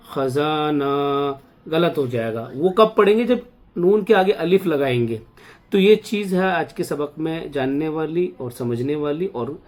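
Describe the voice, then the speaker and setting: A man teaching an online Urdu reading lesson, patiently explaining and then reading single words slowly and drawn out for practice. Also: a little high, a little mellow.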